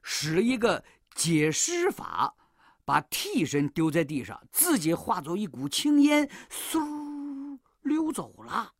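A woman storyteller narrating a children's story in a slow, drawn-out, animated way. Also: fairly low pitch, dry recording, studio quality.

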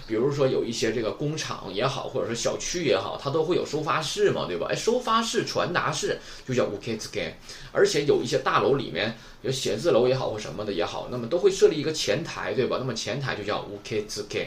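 A man's voice: medium pitch, big pitch swings, quick pace. A man from Northeast China teaching a Japanese vocabulary lesson, explaining patiently and asking rhetorical questions as he goes.

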